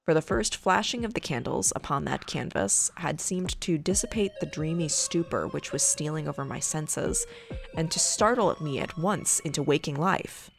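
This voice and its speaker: Low-voiced woman reading a gothic tale. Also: animated, moderate pace, gravelly, faint music behind. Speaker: podcast host reading a short story aloud. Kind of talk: dramatic storytelling, reading a gothic horror tale aloud.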